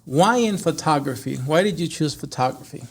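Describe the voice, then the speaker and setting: Husky and touched with vocal fry, this man's fairly high voice has lively intonation and a moderate pace. He hosts a podcast in a conversational interview format, and English is not his first language.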